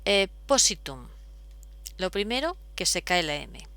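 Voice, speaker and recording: A woman's voice: fairly low pitch, big pitch swings, measured pace, bright, forceful tone, no room sound. A woman, explaining step by step as a teacher, patient, with frequent fillers. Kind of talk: explaining at a whiteboard.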